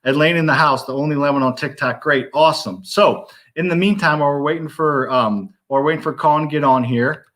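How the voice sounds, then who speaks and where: A man's voice: on the high side, fast, hardly any pauses, fairly bright tone. A man hosting a live stream interview in an upbeat, hyped manner. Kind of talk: livestream interview chat.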